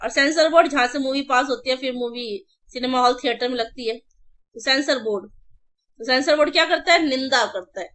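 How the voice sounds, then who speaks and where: A high, slightly bright female voice moves a little fast as she runs an online vocabulary class for exam prep. She chants word lists over and over in repeated drills, explains memory tricks in casual Hindi mixed with English, and speaks to her students familiarly.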